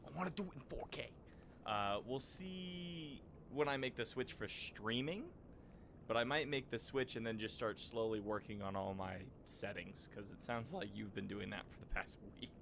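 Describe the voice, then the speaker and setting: A man's voice: fairly low pitch, moderate pace, gravelly, fairly bright tone, slight background noise. A man chatting casually as a streamer during gameplay. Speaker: gaming streamer.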